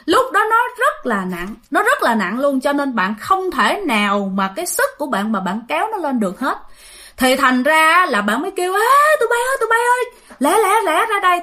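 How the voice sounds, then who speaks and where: A woman with a Southern Vietnamese accent tells a ghost story in a chatty, casual way, turning to her listeners again and again. Her voice sits a little high and sounds bright and clear. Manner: chatty, addresses listeners directly with many fillers.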